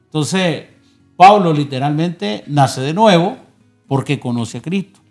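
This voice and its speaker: A man's voice: fairly high pitch, animated, a little slow. A man with a Nicaraguan Spanish accent, a pastor on a TV panel, exhorting with urgency and emphasis. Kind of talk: TV panel preaching. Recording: soft music behind.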